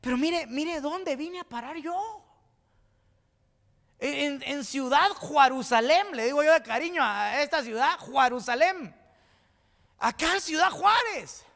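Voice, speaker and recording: Male pastor from Guatemala, fervent sermon delivery, bright forceful voice, long hall reverb. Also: very high-pitched, animated, slow pace, creaky. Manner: fervent, repeats words and restarts, rising to exclaim.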